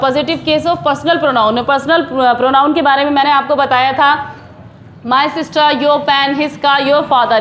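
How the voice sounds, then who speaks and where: A woman teaching English grammar in a classroom style, explaining patiently and slowing down to read English examples. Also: high-pitched, a bit bright, slight background noise.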